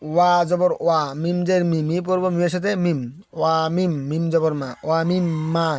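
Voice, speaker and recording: A man's voice: on the high side, little pitch movement, normal speed, darkish tone, no echo. A man teaching Quran reading from Bangladesh, spelling out Arabic letters one syllable at a time and drawing out the long vowels. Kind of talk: slow spelled-out recitation lesson.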